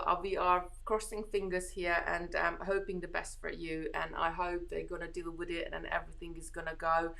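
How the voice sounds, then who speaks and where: Her voice is fairly low, gravelly and a bit bright as she runs a relaxed beading live chat from home. With a Hungarian accent, she goes through viewer comments, replying in a soothing, meandering style packed with fillers and false starts.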